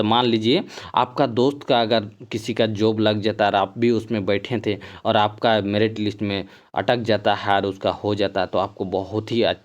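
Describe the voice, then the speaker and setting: Lo-fi teacher, low voice. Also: male voice. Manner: repeats "ठीक है" often, reads verse lines then explains them. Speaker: exam-prep teacher. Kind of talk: explaining poems in a recorded class. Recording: dull lo-fi sound.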